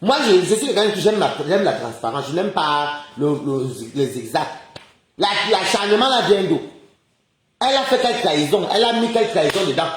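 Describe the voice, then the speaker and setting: Ranting with indignation on a casual live stream, a man shoots off rhetorical questions and chuckles a lot. He sounds high-pitched, animated, and a little fast, in a roomy, echoey space.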